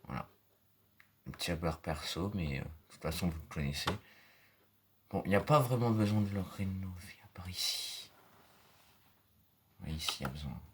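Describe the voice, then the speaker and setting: A man giving casual, rambling gameplay commentary full of fillers, sometimes dropping into quiet murmurs. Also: sits low, normal speed, long pauses, slight background noise. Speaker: gaming video creator. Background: mouse and keyboard clicks.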